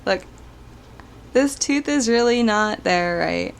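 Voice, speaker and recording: A bubbly, giggly woman in her twenties from Arizona, United States, chats in a casual Q&A vlog close to her camera mic. Her fairly high voice is expressive, slow and a bit creaky. There's a little hiss or hum.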